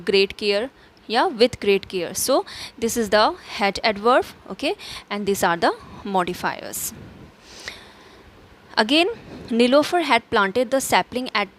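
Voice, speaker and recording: A woman's voice: on the high side, animated, a little slow, pauses often, a bit bright, slight background noise. Woman teacher explaining grammar. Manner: explaining step by step, asks and answers own questions; frequent fillers and self-corrections. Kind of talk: recorded grammar lesson.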